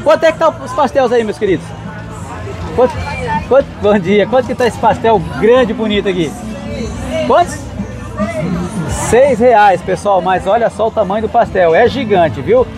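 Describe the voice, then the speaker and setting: A man's voice: high voice, moderate pace, long pauses, music in the background. A Brazilian man hosting a vlog, giving casual, enthusiastic commentary to his viewers as he walks through a market. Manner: enthusiastic, addressing viewers directly. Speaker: vlog host. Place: outdoor street market. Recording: busy street crowd and traffic noise. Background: market crowd, vehicles.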